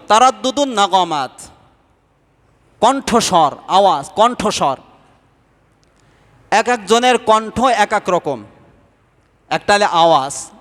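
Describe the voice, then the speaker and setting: A man with a high voice preaches a sermon, and the sound rings with the long reverb of a large hall. He keeps putting questions to his listeners and then answering them himself. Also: a bit bright. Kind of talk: Islamic sermon.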